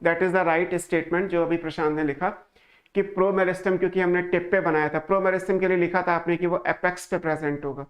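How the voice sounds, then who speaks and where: A man's voice: high-pitched, flat delivery, a little fast, dull audio. A male teacher giving an online class lecture, explaining step by step, asking questions and answering them himself, mixing English phrases into his speech. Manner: mixes English phrases into Hindi.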